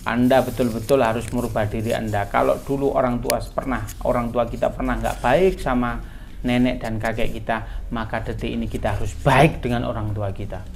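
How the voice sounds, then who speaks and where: A man's voice: mid-range voice, level tone, a little fast, creaky, a little hiss or hum. A male preacher, answering a question in a sermon with storytelling, often calling his listeners sir. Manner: storytelling, addresses listeners as Pak and antum.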